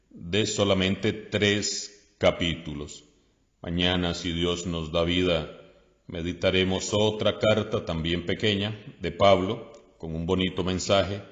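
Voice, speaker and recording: A Costa Rican priest reading scripture aloud in a slow, measured way, then preaching a homily. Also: male voice, low voice, a bit bright. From Costa Rica. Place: parish church. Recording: dull lo-fi audio with long church reverb.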